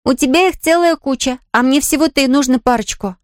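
Male reader's cheeky older sister, high and flippant, matter-of-fact, audiobook. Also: a little fast, no room sound, clean studio sound. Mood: sassy. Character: cheeky older girl, quick to tattle.

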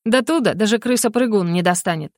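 A woman narrating a first-person fantasy audiobook. Her reading is lively and ironic, in a mid-range voice. The sound is dry and close. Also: mid-range voice, a little fast, no room sound.

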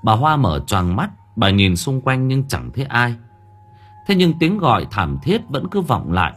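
A man narrating an audiobook story dramatically, slowing down for suspense. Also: mid-range voice, very animated, a bit bright, faint music behind.

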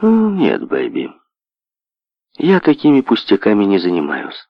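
A man doing a low, placating old tycoon. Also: wildly swooping pitch, a little slow, no room sound, exaggerated voice. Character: older rich tycoon father, indulgent, evasive. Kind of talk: audiobook character voice. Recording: dull lo-fi audio.

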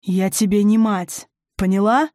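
A woman's voice: mid-range voice, steady tone, measured pace, no echo, natural voice. Raging grieving woman as a narrator puts her on, snarling, shrieking, dry sound. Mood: bitter. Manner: snarling, shouting.

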